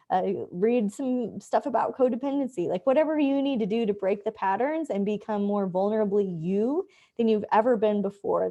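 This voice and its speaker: A woman hosts a relaxed astrology forecast in a mellow, warm voice. She talks loosely and upbeat, with plenty of "um"s and asides. Her pitch sits in an ordinary middle range. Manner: chatty, upbeat, many fillers and laughs. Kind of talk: casual spoken forecast.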